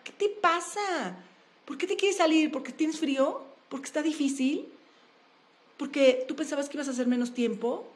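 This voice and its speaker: A Mexican woman, an open-water swimmer, talking in a casual interview in an animated, emphatic way and firing off rhetorical questions. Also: sits high.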